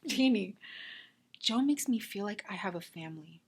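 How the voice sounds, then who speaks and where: A woman acting a self-taped drama scene as a wistful, defensive woman nearing thirty, speaking earnestly with emotional pauses. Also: medium pitch, expressive, slightly rough.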